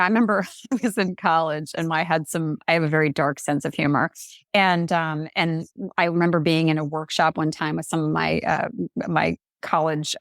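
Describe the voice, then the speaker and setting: A woman coach talking candidly in a casual podcast conversation, lively and quick to laugh, acting out quotes in different voices. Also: sits low, no room sound, clean studio sound. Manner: animated storyteller, acts out quotes in varied voices. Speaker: guest, coach and speaker.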